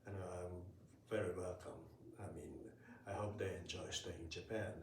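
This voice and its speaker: A man teaching Japanese in a casual spoken lesson, talking slowly and hesitantly with many fillers. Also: deep voice, steady tone. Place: room in Tokyo. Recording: roomy, from a distance.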